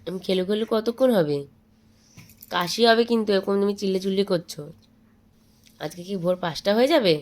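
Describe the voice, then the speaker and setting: A woman gently scolding and cooing at her small child at home late at night, in singsong baby talk. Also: mid-range voice, brisk, long pauses.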